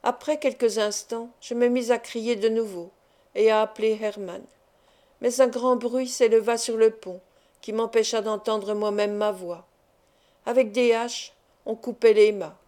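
A woman reading a classic novel aloud as first-person narration, in a steady storytelling manner. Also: a little high, measured pace. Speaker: audiobook reader.

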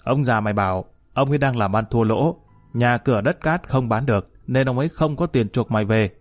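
A man's voice: medium pitch, a little fast, soft background music, close to an everyday voice. A man doing a sneering thug. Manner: sneering, threatening. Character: menacing male thug, sneering.

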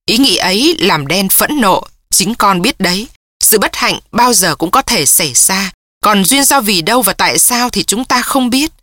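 Woman doing a grieving mom in an audiobook, soft but firm, bright dry voice. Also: mid-range voice, no room sound. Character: grieving middle-aged mother, calm and steady.

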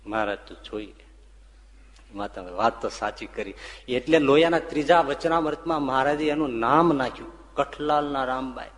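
A man, a swami, telling devotional stories in a sermon, moving between hushed passages and loud, ringing ones. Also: medium pitch, normal speed. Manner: expressive, swings from hushed to loud. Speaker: swami preacher. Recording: long hall reverb.

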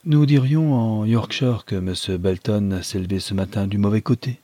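A man reading the part of a stiff, haughty English army captain who speaks coldly and condescendingly, in a low, husky voice. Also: normal speed, warm tone, no echo, lightly acted. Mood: cold, superior. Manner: cold and condescending.

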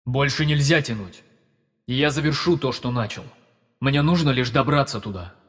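A man voicing an ancient, supreme male spirit, growling and forceful. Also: mid-range voice, moderate pace, slightly rough, big-room sound. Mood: furious.

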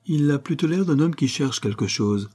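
A man voicing a nervous card-playing nobleman whose voice is slightly hoarse. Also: a little high, animated, moderate pace, mellow, pitched above the performer's own voice.

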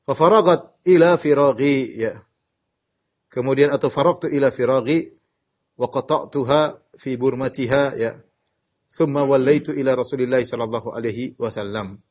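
Male religious teacher, lecture delivery, husky higher voice, animated storyteller who restarts phrases, dull lo-fi recording. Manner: animated storytelling with sudden emphatic bursts; frequent filler "ya" and halting restarts. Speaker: Islamic teacher.

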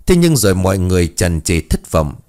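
A man reads a ghost story aloud with a fairly low voice. His pitch rises and falls freely as he dramatizes each turn. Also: very animated, fairly quick, darkish tone. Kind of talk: scripted ghost-story narration.

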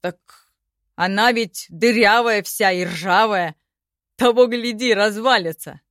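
A woman voicing an eager, boastful young male goblin who talks loudly and excitedly. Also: mid-range voice, slow, no echo, clean studio sound.

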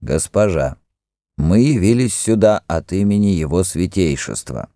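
A man reading an audiobook, voicing a stern high priest who gives loud, distinct commands. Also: expressive, unhurried, no room sound, clean studio sound. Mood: imperious command. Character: stern, cold male high priest, imperious.

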